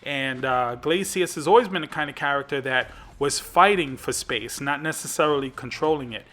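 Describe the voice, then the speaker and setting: A man's voice: mid-range voice, normal speed, bright, forceful tone. A man hosting a gaming channel, giving casual commentary on a fighting game, rambling with lots of fillers and restarts.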